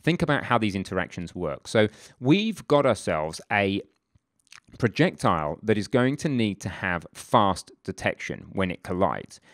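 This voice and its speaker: A man's voice: lowish voice, very animated, measured pace, dry recording, clean studio sound. A man teaching game development in an informal, chatty screen-recorded tutorial, with frequent asides and self-corrections.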